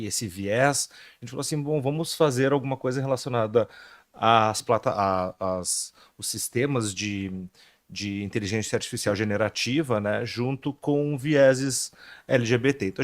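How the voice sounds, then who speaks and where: A man with a Brazilian Portuguese accent, a lawyer on a panel, talking hesitantly with many restarts. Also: mid-range voice. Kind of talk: panel talk.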